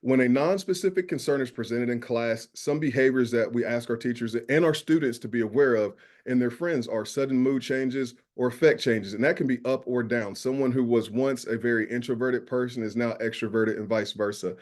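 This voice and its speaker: A man from New York with a Southern drawl, a school safety specialist presenting a webinar, earnest and filling pauses with "uh". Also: medium pitch, a little mellow. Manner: earnest, many "uh" fillers.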